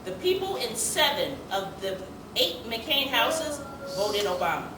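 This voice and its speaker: A woman's voice: on the high side, very animated, unhurried. A woman playing a melodramatic female news co-anchor who speaks in indignant exclamations. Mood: outraged. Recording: echoey stage from a distant mic, noisy.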